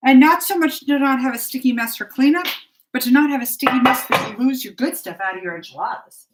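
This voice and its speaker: A woman's voice: sits high, fast talker, background noise. Chatty woman cooking in her kitchen. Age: middle-aged. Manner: chatty, talks to viewers while cooking. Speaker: cooking vlogger. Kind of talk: casual live cooking chat. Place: home kitchen. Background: clatter of dishes and pans.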